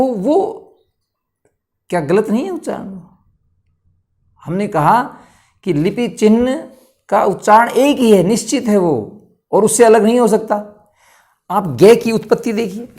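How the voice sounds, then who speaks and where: Man slowly spelling out letters in a lecture. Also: fairly high pitch, a little mellow. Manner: emphatic, asks and answers his own questions, slows to spell out letters. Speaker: Hindi teacher. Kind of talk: explanatory lecture.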